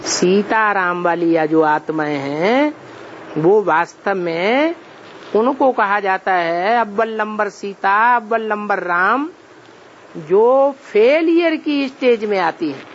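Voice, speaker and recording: Man teaching spiritual stuff real slow, asks questions back, kinda muffled recording with faint noise. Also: high-pitched, animated. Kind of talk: religious discourse with questions.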